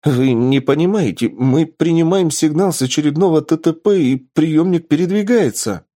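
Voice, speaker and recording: A man's voice: on the low side, lively intonation, slow, dark tone, husky, dry recording, studio quality, full character voice. A man doing a breathless, eager young lab assistant. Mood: excited.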